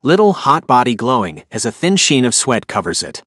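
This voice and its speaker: A man's voice: mid-range voice, big pitch swings, a little fast, a bit bright, no echo, clean studio sound. Man narrating a romance audiobook. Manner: emotive, inner-monologue delivery. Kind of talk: first-person romance narration.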